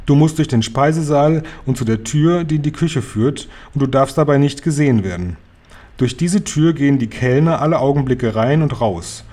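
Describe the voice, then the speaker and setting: A loving old grandmother from a storybook, voiced by a man reading aloud. She speaks calmly and with care, in a warm, mellow tone. The pitch sits in the middle range. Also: moderate pace, natural voice. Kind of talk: audiobook reading.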